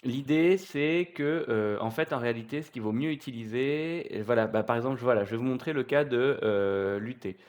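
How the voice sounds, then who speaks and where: A man giving an unscripted screen-recorded software tutorial, talking through each step with many fillers and restarts. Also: mid-range voice, moderate pace, hardly any pauses.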